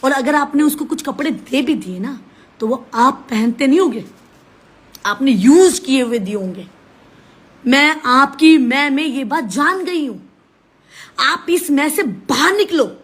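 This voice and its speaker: Woman live-streamer, accusatory rant, slightly high voice. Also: animated, measured pace. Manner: scolding, accusatory, insistent.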